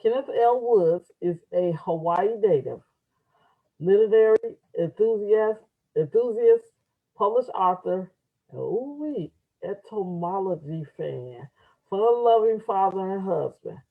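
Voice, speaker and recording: A woman's voice: medium pitch, lively intonation, measured pace, gravelly. A woman with a mid-range voice hosts an open mic in a casual way. She reads introductions with some stumbles and repeats, and the sound is slightly muffled and lo-fi. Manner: stumbles over read-out words and repeats them. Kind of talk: casual live event introductions. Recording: dull lo-fi live event audio.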